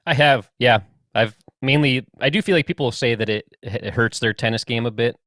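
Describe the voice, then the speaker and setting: A man's voice: medium pitch, normal speed, fairly bright tone, no echo, clean studio sound. A man co-hosting a podcast in an easygoing way, laughing at himself. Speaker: podcast co-host. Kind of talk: casual interview chat.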